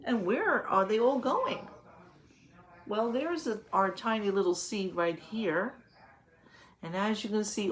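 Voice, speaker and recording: A woman with a mid-range voice reads a picture book aloud to young children as their teacher. She explains things patiently in simple words and asks the listeners questions.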